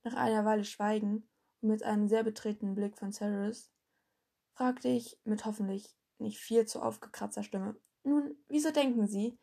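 Woman reading fanfic on her podcast, raspy gravelly voice, kinda dark and mellow. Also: mid-range voice, flat delivery, normal speed. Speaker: fanfiction reader, podcast host. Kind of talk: first-person audiobook narration.

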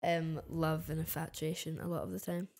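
A woman's voice: low-pitched, flat delivery, normal speed, darkish tone. Blunt, cheeky young woman. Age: young adult. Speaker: host. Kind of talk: casual chat.

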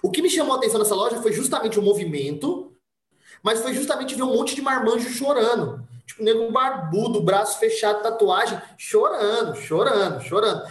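A man from Brazil telling a personal story in casual conversation, with lively delivery and voices acted out for the people in it. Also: high voice, a little fast, echoey room. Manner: animated, acts out voices in anecdotes. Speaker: podcast guest.

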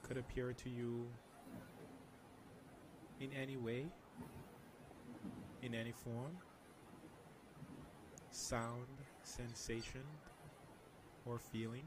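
A man leading a guided meditation in a soft, hushed, soothing voice, slowly and with long pauses. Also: mid-range voice, little pitch movement, background noise. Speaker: meditation guide, interview guest.

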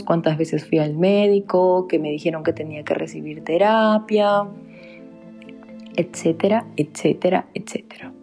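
A woman's voice: lowish voice, warm tone. A young woman from Peru with a Peruvian Spanish accent, confiding a personal story directly to her viewers in a casual vlog. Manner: confiding, speaks straight to viewers. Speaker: vlogger.

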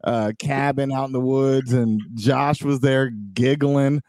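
A man's voice: mid-range voice, steady tone, slow, a little mellow. A man teasing his friends in a casual crude chat, often breaking into laughter.

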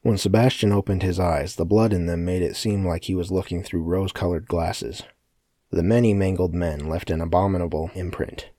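Deep-voiced male audiobook narrator. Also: fairly even intonation, normal speed, mellow, no echo, studio quality. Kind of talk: scripted narration.

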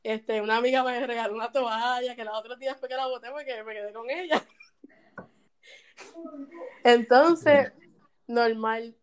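A woman with a Puerto Rican accent telling a story in casual chat, animated and often laughing as she talks. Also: on the high side, measured pace, long pauses, clear, resonant tone.

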